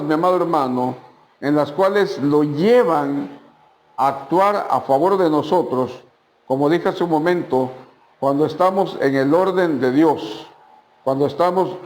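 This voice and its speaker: A man's voice: fairly high pitch, a little mellow. A man, a pastor preaching a sermon in an emphatic, repetitive way and speaking directly to his listeners. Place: church. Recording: echoey church hall.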